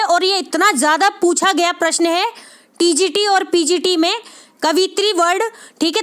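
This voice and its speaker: Woman tutor, very high voice, repeats answers, patient exam-prep teaching. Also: fairly bright tone. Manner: repeats answers, frequent "ठीक है" check-ins. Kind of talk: exam-prep lesson, repetitive explanation.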